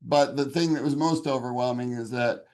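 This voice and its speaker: A man's voice: medium pitch, steady tone, normal speed, darkish tone. A man with a mid-range voice gives a raw, earnest personal testimony in an interview. He talks in a conversational way, with emotion running through his storytelling. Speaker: interview guest.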